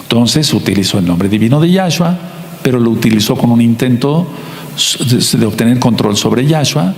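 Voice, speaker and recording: Mexican male pastor, mid-pitched, teaching sermon style, roomy hall reverb. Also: lively intonation, creaky, darkish tone. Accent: Mexican Spanish. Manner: teaching, repeats points, slows to stress words. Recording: echoey hall.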